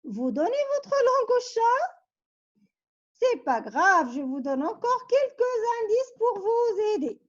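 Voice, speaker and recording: A woman's voice: very high voice, big pitch swings, slow, dull audio. A woman teacher reading word riddles to her pupils, patiently coaxing them with questions and hints. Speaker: primary school teacher.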